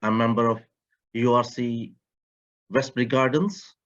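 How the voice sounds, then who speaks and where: A man from Pakistan, giving a prepared talk on a video call about a community project, in measured, slightly English. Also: mid-range voice, steady tone. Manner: measured, slightly non-native grammar. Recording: muffled online call audio.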